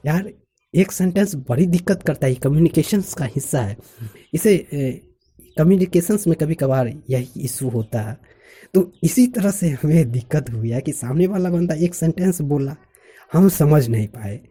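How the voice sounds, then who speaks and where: Man, husky voice, very mellow and dark, casual monologue, occasional laughs. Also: on the high side, lively intonation, normal speed. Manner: chatty, laughs now and then, stresses example phrases. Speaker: vlogger.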